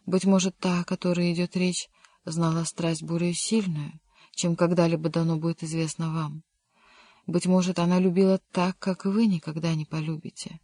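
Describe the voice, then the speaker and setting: A grave, loyal servant consoles his master in low, subdued tones, as an audiobook reader puts him on. The delivery is flat and measured, recorded dry and close. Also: dry recording, lightly acted. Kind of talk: audiobook reading.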